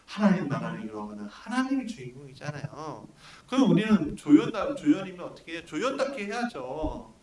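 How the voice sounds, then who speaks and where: Man, pastor, animated sermon, high lively voice, echoey church hall, heard from a distance with the congregation around. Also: fairly quick, few pauses, a crowd in the background. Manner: animated, asks the congregation rhetorical questions. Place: church hall at a prayer meeting.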